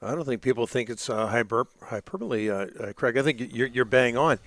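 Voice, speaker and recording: A man's voice: medium pitch, a little fast, dry recording. A man from western Canada co-hosting a sports radio show, chatty and friendly. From Vancouver area, Canada. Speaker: radio co-host. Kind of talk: casual sports talk.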